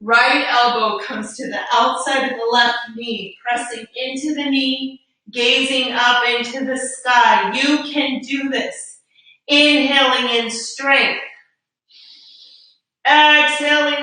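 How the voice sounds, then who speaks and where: A woman teaching a live yoga class, calmly guiding breaths and poses with encouragement, a little out of breath. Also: high voice. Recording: roomy echo, distant mic.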